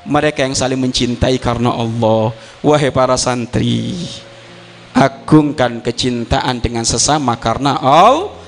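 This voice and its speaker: A man's voice: mid-range voice, unhurried, soft background music. A man preaching a religious sermon to students and viewers, emphatic and repeating his key phrases, in a hall with long reverb.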